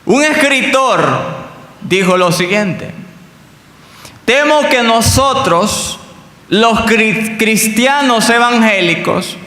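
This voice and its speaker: A male pastor preaching a sermon in a measured, earnest manner in a church. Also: very high-pitched, pushed and bright. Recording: echoey church hall with long reverb.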